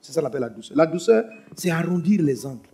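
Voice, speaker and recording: A pastor preaching a sermon, swinging between loud emphatic lines and hushed ones. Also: male voice, fairly high pitch, lively intonation, fast talker.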